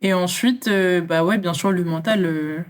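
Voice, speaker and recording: Young woman, from France, interview guest, reflective, hesitant fillers, lowish voice. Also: unhurried. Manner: reflective, many fillers and restarts. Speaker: kickboxing champion guest. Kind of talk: casual interview talk.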